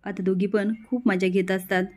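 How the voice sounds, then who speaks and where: A woman narrating a story in a steady retelling voice. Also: medium pitch, normal speed.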